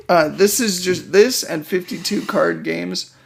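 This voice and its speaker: Very creaky, casual male co-host. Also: high voice, slow pace. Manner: informal, offhand. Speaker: podcast co-host. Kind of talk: casual banter and game explanation.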